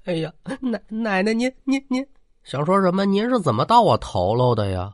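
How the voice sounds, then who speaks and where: A man's voice: high voice, big pitch swings, moderate pace, no room sound, studio quality, voice pushed up. Man playing a stammering timid village boy. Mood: nervous. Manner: stammering and nervous.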